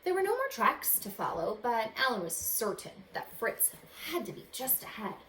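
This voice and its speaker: A woman's voice on the high side, sing-song, bright and forceful, brings a children's storybook to life as a teacher reads to young listeners. She reads dramatically and pauses for questions to the children. Faint background noise sits under a roomy echo.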